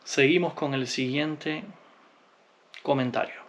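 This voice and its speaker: A man from Cuba, answering viewer comments in a relaxed, unhurried vlog, often pausing with hesitations. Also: mid-range voice. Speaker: vlogger.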